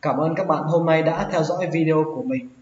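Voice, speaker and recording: A man's voice: fairly high pitch, brisk, a little mellow. A man with a Hanoi Vietnamese accent teaches English vocabulary, patiently repeating each word several times. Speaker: English teacher, channel host. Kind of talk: vocabulary lesson. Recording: roomy, dull lo-fi sound.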